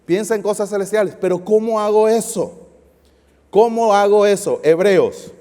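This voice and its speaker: A male guest pastor preaching a sermon, lively and asking the audience questions. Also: sits high, normal speed. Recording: long hall reverb.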